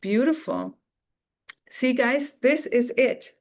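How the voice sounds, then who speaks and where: A woman teaching on a live stream, softly coaxing listeners through a guided visualization and reading viewer comments aloud. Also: fairly high pitch, wildly swooping pitch, slow pace. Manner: soft and coaxing, guiding listeners inward. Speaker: spiritual teacher.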